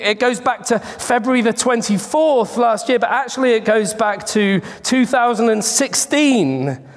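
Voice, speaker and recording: A man preaching an earnest, chatty sermon at a pulpit microphone, often restarting his words. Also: sits high. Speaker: pastor. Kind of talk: conversational sermon. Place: church sanctuary. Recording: long reverb of a church hall.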